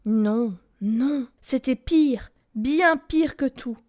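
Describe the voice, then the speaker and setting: Woman, storyteller, children's tale read aloud, lively, expressive, high voice. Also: very slow.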